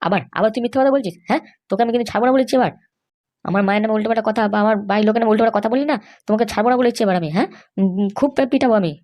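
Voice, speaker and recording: A woman voicing a hot-tempered young husband in a cartoon, threatening and shouting insults. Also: on the high side, rapid-fire, close to an everyday voice. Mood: angry. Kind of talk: cartoon voice acting.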